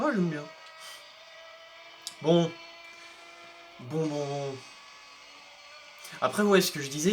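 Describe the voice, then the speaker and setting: In a let's-play video, a young gaming YouTuber narrates a race with playful excitement, ribbing his rivals on the track. When something goes wrong he yelps in a high voice, over faint background game music.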